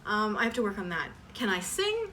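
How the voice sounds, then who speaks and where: An online voice performer in her twenties answers fan questions in a casual, rambling chat, often interrupting herself. Her medium-pitched voice is sing-song, bright and forceful, moving a little fast. The mic is distant, and background noise comes through clearly.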